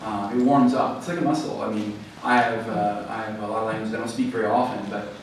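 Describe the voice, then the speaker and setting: Answering questions from a library audience, a man who is an author speaks quickly in a lowish voice with a steady tone. His replies are thoughtful and explanatory, full of fillers and restarts. The recording comes from the room: echoey, distant from the mic, with room noise audible.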